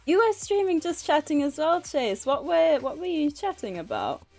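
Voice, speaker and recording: Faint music plays as this livestreaming author talks with her viewers from her computer indoors. Her voice is high-pitched, sing-song, and a little mellow at a normal speed, and her casual chat is nervous, flustered, giggly, and overflowing with thanks.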